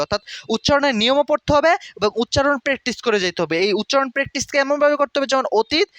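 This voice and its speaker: A young male tutor runs an exam-prep lesson in a fairly high voice. He repeats each word several times and speaks straight to the students. The sound is close and dry. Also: a bit bright, no echo. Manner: repetitive, drills words aloud, direct instructive address.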